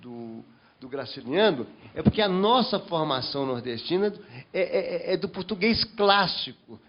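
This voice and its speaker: A panel member from northeastern Brazil speaks a little slowly in a fairly high, expressive voice, over background noise with the highs cut off. He comments at length in the discussion, restarting his sentences often.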